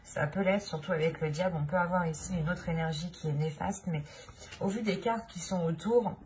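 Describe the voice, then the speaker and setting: Reading tarot cards on camera, a French-accented woman speaks hesitantly, with frequent fillers and restarts as she reaches for words. Her lowish voice is a little fast and a little mellow, with slight background noise.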